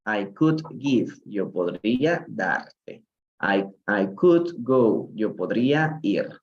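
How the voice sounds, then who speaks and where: A man's voice: fairly low pitch, big pitch swings, dull audio. A man with a Peruvian accent teaching English in a live-streamed reading lesson, explaining phrases in Spanish and often checking in with "¿no?". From Peru. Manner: explains slowly, switching between English and Spanish, often asking "¿no?".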